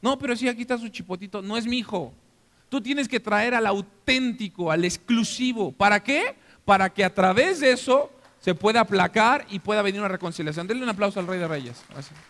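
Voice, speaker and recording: A man with a Mexican accent preaching a sermon as pastor, animated and interactive, often checking that the congregation is following. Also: high voice, moderate pace. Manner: animated, acts out scenes for the listeners. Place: church hall. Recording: long reverb of a church hall.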